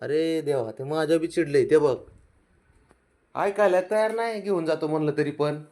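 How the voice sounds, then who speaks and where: A man's voice: on the high side, normal speed, mellow. A man talking to his pet cat, coaxing and teasing it in a casual, scolding baby-talk way.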